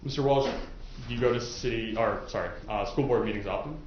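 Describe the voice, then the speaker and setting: This lawyer has a mid-range, slightly mellow voice and talks fast as he questions jurors. His manner is polite and chatty, though some phrases come out hesitantly. The courtroom recording is indoors, echoey and dull, with a faint noise floor.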